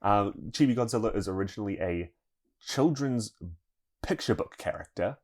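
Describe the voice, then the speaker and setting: A man's voice: fairly low pitch, expressive, moderate pace. A man co-hosting a podcast, chatting casually through a news segment and laughing now and then. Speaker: podcast co-host.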